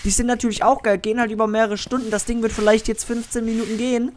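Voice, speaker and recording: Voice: medium pitch, level tone, fast talker, a little hiss or hum. A gaming YouTuber giving horror let's play commentary, jumpy and easily startled, swearing with youth slang and talking straight to viewers. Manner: talks directly to viewers.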